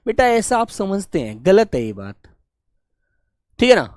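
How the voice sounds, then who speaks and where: A man's voice: high voice, huge pitch swings, dry recording, clean studio sound. Man teacher coaxing students through grammar. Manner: warm coaxing, calls students "beta", asks and answers his own questions; stretches key words slowly while dictating notes. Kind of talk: online exam-prep grammar class.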